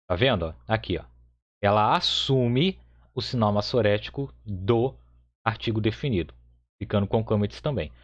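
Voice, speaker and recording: Patient man teaching Hebrew grammar. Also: mid-range voice. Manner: patient, repeats points with frequent "tá?" checks. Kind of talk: explanatory lesson. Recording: slightly dull lo-fi audio.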